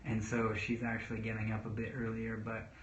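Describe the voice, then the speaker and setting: A man in his thirties, a father giving casual parenting talk to camera, earnest and rambling, pausing to read viewer questions. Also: fairly low pitch, monotone, slight background noise. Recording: echoey room, dull lo-fi sound.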